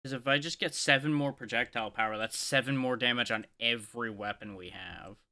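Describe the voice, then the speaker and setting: A man streaming live gameplay, talking through his choices with playful, excitable, mock-boastful trash talk. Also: mid-range voice, fairly quick.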